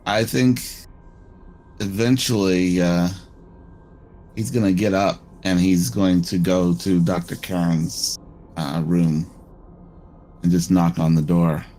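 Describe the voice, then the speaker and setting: A man player in a tabletop horror game, talking in a hesitant, halting way and speaking as his character. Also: deep voice, flat delivery, dark tone, slight background noise.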